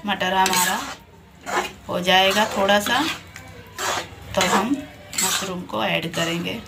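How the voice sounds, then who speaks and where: A cooking channel host speaks slowly in a creaky, mid-range voice with fairly even intonation, patiently explaining each recipe step in voice-over. Standing over a frying pan in her home kitchen, she keeps pointing things out with "dekhiye," while loud frying, sizzling and stirring sit under her voice.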